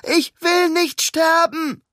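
A terrified woman, put on by a male narrator, cries out in a high, panicked voice. Each call sounds desperate and strained. The recording is dry and close. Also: steady tone, slow, sharp tone, no room sound, exaggerated voice. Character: frightened woman clinging to a roof.

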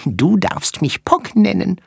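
A reader voicing a tiny, chatty, fussy male flea in a children's story, high and bouncy in manner. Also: big pitch swings, vocal fry, breathy edge, no room sound, clean studio sound, exaggerated voice. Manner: high, bouncy and quick-witted. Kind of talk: storybook character voice.

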